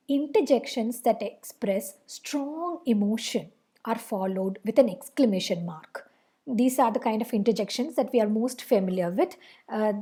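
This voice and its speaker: Breathy, mellow-voiced woman teaching grammar. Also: a little high. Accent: Indian English. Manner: patient, repeats example sentences. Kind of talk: explanatory lesson.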